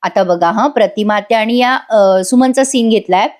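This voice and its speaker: A woman's voice: medium pitch, normal speed, darkish tone. Chatty woman recapping a serial. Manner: chatty, addresses viewers directly. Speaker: TV serial reviewer. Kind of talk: voice-over episode recap.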